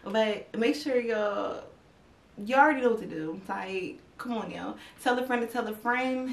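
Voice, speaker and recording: A young woman, a YouTube vlogger, chats casually to camera, talking straight to her viewers in a rambling, filler-heavy way. Her voice is a little high, gravelly, and slightly congested and stuffy, and she takes her time. The recording is reverberant and picked up from a distance.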